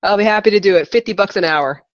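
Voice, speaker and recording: A woman's voice: medium pitch, fast talker, dry recording, dull audio. A woman co-hosting a casual podcast while sick with a cold, playful and jokey. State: sick, voice a bit husky from a cold. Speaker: podcast co-host.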